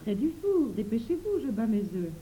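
A woman doing lively, bossy little girls. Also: fairly high pitch, normal speed, a little hiss or hum, poor audio. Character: young girls, eager and impatient. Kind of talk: audiobook character reading.

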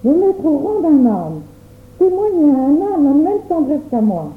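A woman voicing a stern, quick-tempered mother in a storybook reading, scolding sharply. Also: sits high, very animated, soft background music. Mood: furious. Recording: tinny phone-like audio.

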